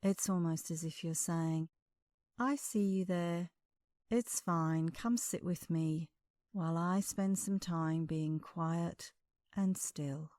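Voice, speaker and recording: The woman guiding this meditation keeps her delivery calm, soothing and unhurried, pausing at length between phrases. She speaks on the low side, with no echo in the recording.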